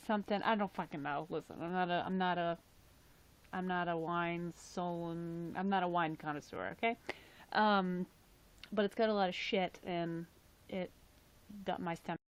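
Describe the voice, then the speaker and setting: Live streaming, a young woman chats casually and rambles, cursing every so often. Her voice is lowish, raspy, and tired.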